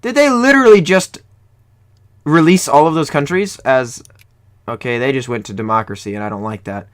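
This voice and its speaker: A man's voice: mid-range voice, fairly quick. A young man from Ohio, casually commenting on a strategy game he is playing, rambling and correcting himself as he goes. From Ohio, USA. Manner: rambling, self-correcting, jokey. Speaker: gaming YouTuber. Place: home room.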